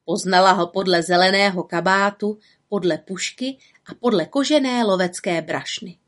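A woman reading a children's story aloud in gentle, even narration. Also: medium pitch.

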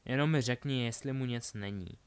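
A man's voice: medium pitch, clear, resonant tone, close to an everyday voice. A man voicing a brave, determined wizard father who speaks urgently and firmly in a read-aloud story.

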